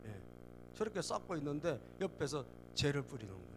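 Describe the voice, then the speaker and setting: A man's voice: a little high, very animated, brisk, over music. A middle-aged man preaching a sermon in a church, repeatedly prompting the congregation and acting out mocking voices. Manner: asks the congregation "예?" again and again; acts out mocking enemy voices. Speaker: pastor. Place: church sanctuary.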